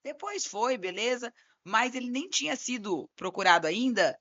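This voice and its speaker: Animated Brazilian woman lawyer telling a story. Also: fairly high pitch, normal speed. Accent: Brazilian Portuguese. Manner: animated, acts out both sides of a phone call. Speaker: criminal defense lawyer, podcast co-host. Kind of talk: casual podcast storytelling.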